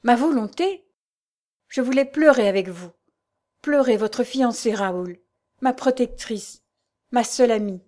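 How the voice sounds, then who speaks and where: A woman's voice: a little high, animated, unhurried, long pauses, mellow. A woman reading the part of a young woman who speaks with exalted, pleading devotion in a storybook reading. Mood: fervent.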